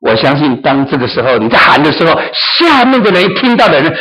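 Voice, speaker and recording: A man's voice: fairly high pitch, big pitch swings, fast, a bit bright, poor audio. A man preaching a sermon as pastor, emphatic, sometimes acting out quotes and mixing in English phrases. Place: church in New Zealand.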